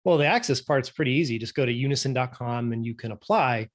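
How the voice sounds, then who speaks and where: A company director raised in Norway guests on a podcast, speaking in an ordinary mid-pitched voice. He explains things patiently and conversationally in a relaxed way, frequently checking in with quick tag questions.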